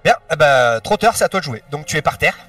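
A man narrating as game master of a tabletop game, relaxed and quick to laugh. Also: fairly high pitch, no echo. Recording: distant mic, dry, faint music.

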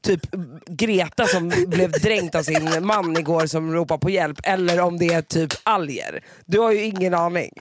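A man in casual conversation, excitable and teasing, reacting quickly and swearing now and then. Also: a little high, noisy background. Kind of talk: casual chat.

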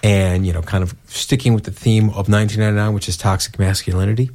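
A man's voice: fairly low pitch, steady tone, quick pace, darkish tone. A man co-hosting a podcast in casual chat, sarcastic and jokey, swearing freely. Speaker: podcast co-host.

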